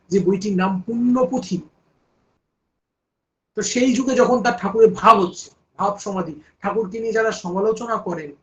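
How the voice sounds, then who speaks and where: A man's voice: high voice, a bit bright. A man giving a devotional discourse, telling stories and putting rhetorical questions to his listeners. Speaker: devotional speaker. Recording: dull lo-fi recording.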